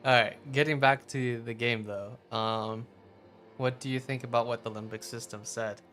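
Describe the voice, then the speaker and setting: A young man streaming a game, talking casually with chuckles and halting fillers. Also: mid-range voice, steady tone, fairly bright tone, a little hiss or hum. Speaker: developer and streamer. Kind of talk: casual live stream chat.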